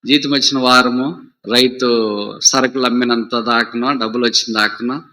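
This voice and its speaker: A man's voice: mid-range voice, little pitch movement, normal speed, bright, forceful tone. A man preaching a sermon with a Rayalaseema Telugu accent, telling a parable in a conversational way and asking the listeners questions. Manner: conversational storytelling, asks the audience questions.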